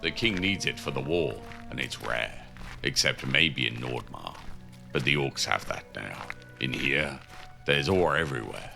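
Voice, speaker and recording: Very deep, gravelly prison inmate, acted by a man. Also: lively intonation, unhurried, exaggerated voice. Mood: matter-of-fact, advising. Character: gruff, seasoned male convict guiding a newcomer, worldly and cynical. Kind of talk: audio drama dialogue. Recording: music under the voice.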